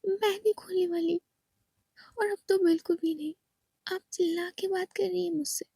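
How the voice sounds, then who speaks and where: A woman's voice: fairly even intonation, normal speed, creaky, mellow, dry recording. A woman voicing a hurt young wife who speaks through tears, in a storybook reading. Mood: tearful. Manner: tearful, pleading, high.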